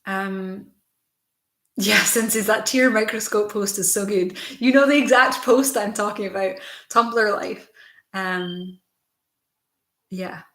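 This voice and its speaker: A young woman hosts a livestream, chatting casually with her viewers and rambling with plenty of fillers. Her mid-range voice has a fairly bright tone, and she speaks slowly with long pauses. The recording has a roomy echo.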